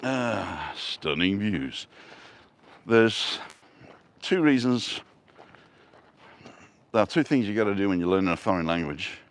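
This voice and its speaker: On a live-streamed seaside walk, a Yorkshire-accented vlog host speaks slowly and expressively in a fairly low voice, pausing often. His manner is chatty and joking, and he reads viewer comments aloud.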